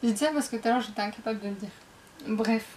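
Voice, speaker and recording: A woman's voice: fairly high pitch, fast, darkish tone. A young woman casually showing off a book haul to her camera at home, rambling and often correcting herself. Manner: rambling, self-interrupting, chatty. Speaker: book vlogger. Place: indoors at home, dim light. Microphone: camera facing her.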